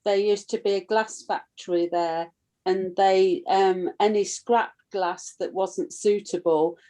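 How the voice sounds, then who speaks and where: A woman's voice: medium pitch, fairly even intonation, takes it slowly, warm tone. A woman, a class participant chatting easily on a call. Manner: easygoing, talks at length about her plans. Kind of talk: casual video-call chat.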